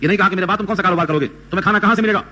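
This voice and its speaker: A man's voice: high-pitched, sharp tone, a little hiss or hum. A man giving a Quran commentary sermon, explaining step by step and quoting Arabic verses. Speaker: Quran teacher.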